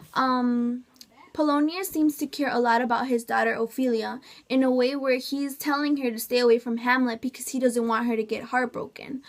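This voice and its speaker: A woman giving an informal, hesitant student presentation, with many ums and likes. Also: sits high. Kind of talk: informal class presentation explaining scenes.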